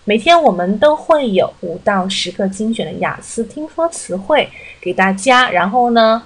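Woman teacher slowly repeating English words. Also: medium pitch, expressive, rough recording. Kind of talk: vocabulary lesson podcast.

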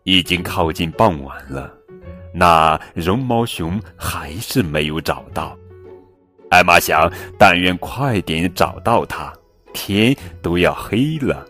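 Brief: male kids' storyteller, deep, lively intonation, unhurried. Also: soft background music. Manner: slow, gentle, expressive. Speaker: children's storyteller. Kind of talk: picture-book narration for kids.

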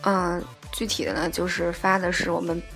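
A woman teaching a language lesson, explaining word by word and repeating each example slowly and patiently. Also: fairly low pitch, level tone, a bit bright, faint music behind.

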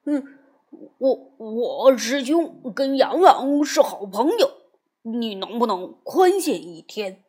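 A woman's voice: on the high side, lively intonation, slow pace, husky, exaggerated voice. Lady doing a whiny greedy pig monk guy, big swings up and down, storybook reading. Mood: pleading. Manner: whiny, blustering. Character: greedy cowardly male pig monk, grumbling.

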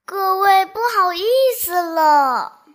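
A woman voicing a small playful kitten in a children's story, calling out in a high, drawn-out, childlike way. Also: a bit bright, heavily acted. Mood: whiny.

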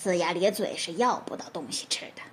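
A woman voicing a scheming, hungry male wolf who begs in a low, pitiful, fawning voice. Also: animated, unhurried, breathy edge. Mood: grumbling. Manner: wheedling, pitiful.

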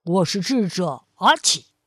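A woman's voice: on the low side, expressive, fairly bright tone, no room sound, clean studio sound, voice pushed down. A woman doing a gloomy, pompous crow sage. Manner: solemn, slow and mournful.

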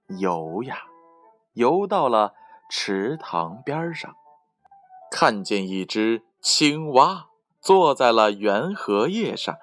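A man reading a children's story aloud in a slow, expressive way, with faint music behind. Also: on the low side. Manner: slow, expressive and sing-song. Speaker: narrator.

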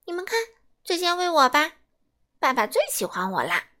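A tiny baby ankylosaurus in a storybook brags in a smug, childlike voice, as a woman puts him on. The voice is very high and bouncy. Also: sing-song, normal speed, sharp tone, exaggerated voice. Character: small boastful baby ankylosaurus.

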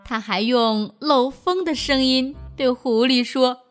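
A woman reading a children's story aloud and speaking gently to young listeners as the storyteller. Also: high voice, slow pace, soft background music.

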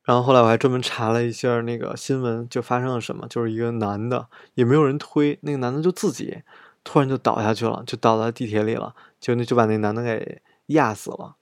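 Gravelly-voiced man telling a travel story. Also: mid-range voice, little pitch movement, fast, no room sound, clean studio sound. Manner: chatty, retells scenes with quoted dialogue. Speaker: travel vlogger. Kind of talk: casual storytelling monologue.

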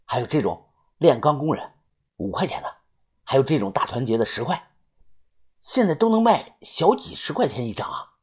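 A woman's voice: a bass voice, big pitch swings, normal speed, pauses often, darkish tone, breathy edge, exaggerated voice. A woman voicing a blunt, knowing young man in an audiobook, talking in a scolding way. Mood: excited. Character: gruff young male narrator, blunt and knowing. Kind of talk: audiobook character voice.

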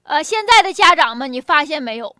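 A woman's voice: sits high, big pitch swings, fairly quick. A woman with a Northeastern Chinese accent hosts a comic monologue in a chatty, folksy manner, telling jokes and anecdotes. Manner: chatty, folksy, often chuckling. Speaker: comedy talk show host. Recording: music behind the voice. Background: music.

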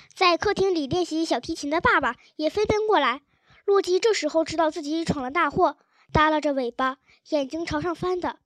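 A woman narrating a children's storybook chapter with a gentle, expressive reading. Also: very high-pitched, no echo. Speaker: audiobook narrator.

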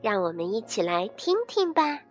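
A woman telling a bedtime story to children in a gentle, sing-song, soothing manner. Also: mid-range voice, sing-song, normal speed. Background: soft background music.

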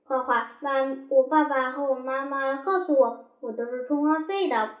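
A woman's voice: sits high, normal speed, lo-fi sound, lightly acted. Woman voicing a sulky, tearful little girl. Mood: aggrieved. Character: upset little girl feeling unloved by her parents. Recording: roomy echo.

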